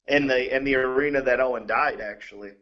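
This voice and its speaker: A man's voice: medium pitch, brisk, lo-fi sound. A man co-hosting a casual wrestling talk show, recounting stories with plenty of hesitant fillers. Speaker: co-host.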